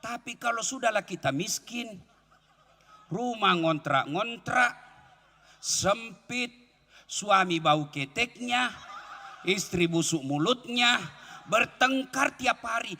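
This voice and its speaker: A man giving a humorous sermon to a crowd, joking and drawing out prayer phrases slowly. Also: very high-pitched, lively intonation, bright, forceful tone. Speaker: preacher. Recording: reverberant hall.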